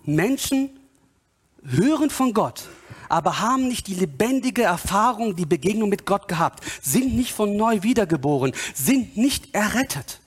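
Male preacher, husky voice, fervent sermon, fast swings from loud appeals to low asides. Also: very animated.

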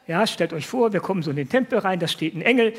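High-voiced man preaching casually. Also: animated, quick pace, fairly bright tone. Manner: casual, colloquial, full of rhetorical questions to the listeners. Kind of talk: conversational sermon.

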